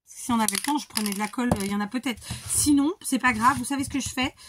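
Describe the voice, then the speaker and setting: A woman in her forties talks casually to her viewers while she crafts. Her voice sits a little high, and she rambles along with many fillers and self-corrections. A faint hiss runs under the recording. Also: fast, fairly bright tone. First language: speaks Portuguese too. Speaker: crafter vlogger.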